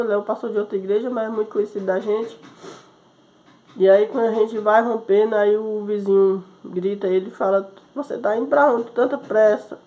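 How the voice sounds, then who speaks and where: A missionary preacher delivers her personal testimony as a sermon, acting out the voices of people in her story and frequently tagging on "né?". Her voice is mid-range with a dark tone.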